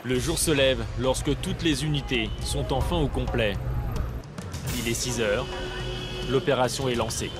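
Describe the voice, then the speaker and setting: A man reads documentary narration in an even, matter-of-fact tone, his voice sitting at an ordinary middle pitch. Music plays clearly underneath him throughout. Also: a little slow. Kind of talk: scripted narration.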